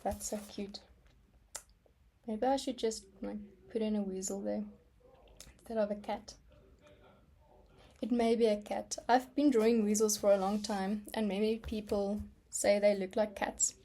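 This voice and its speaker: In her art vlog, a young woman whose native tongue is Afrikaans talks in a rambling, casual way as she stamps and sketches at her desk, often saying um and laughing softly. Her mid-range voice is warm and flat, a little slow, with long pauses.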